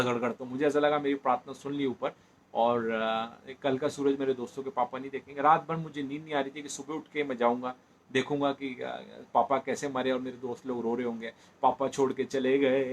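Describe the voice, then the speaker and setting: A man's voice: medium pitch, a little hiss or hum. Man telling a personal testimony. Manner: storytelling, repeats phrases, many fillers. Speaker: speaker giving a personal testimony.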